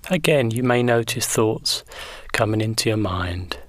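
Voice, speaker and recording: A man leading a guided progressive muscle relaxation in slow, gentle, soothing instructions. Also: lowish voice, animated, no room sound.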